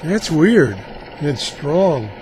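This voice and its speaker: A man casually demonstrating radio scanning, haltingly thinking aloud as he goes. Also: on the high side, sing-song, a little mellow, a little hiss or hum. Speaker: radio hobbyist host.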